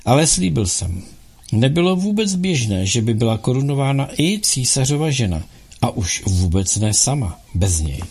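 Gravelly man narrating an audiobook. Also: mid-range voice. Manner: measured, expressive storytelling with acted dialogue. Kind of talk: first-person historical audiobook narration.

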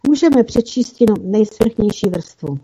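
A woman's voice: medium pitch, expressive, warm tone, breathy edge. A woman voicing a clever young girl who explains things matter-of-factly, read in a storybook. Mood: explaining. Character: clever young girl from the fox den, knowing. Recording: dull lo-fi recording.

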